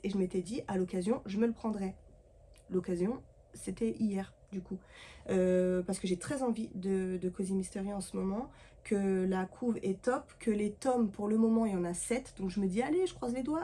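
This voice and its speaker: A woman chatting casually as a book vlogger, lively and full of fillers and playful asides. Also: mid-range voice, moderate pace, husky.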